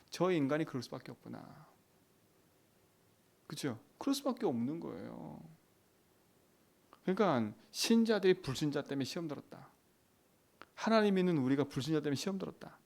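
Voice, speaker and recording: Gravelly-voiced pastor preaching. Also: male voice, on the high side. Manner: preaching with rhetorical questions to the congregation; swings between loud emphatic lines and quiet asides. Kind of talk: dawn prayer sermon.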